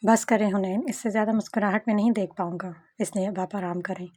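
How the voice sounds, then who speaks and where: Lady reading as a soft-spoken young guy, patient and devoted, audiobook romance. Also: medium pitch, fairly even intonation, fast talker, natural voice. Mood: soothing. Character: young man, devoted, patient, quietly loving.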